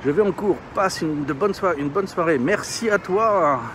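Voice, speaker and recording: A man's voice: fairly high pitch, normal speed. Breathless man chatting outdoors over street noise. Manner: informal, slangy, rambling. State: out of breath, panting from walking. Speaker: live streamer. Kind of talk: casual chat to livestream viewers while walking. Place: outdoors, walking in an urban area. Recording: noisy outdoor street sound with traffic.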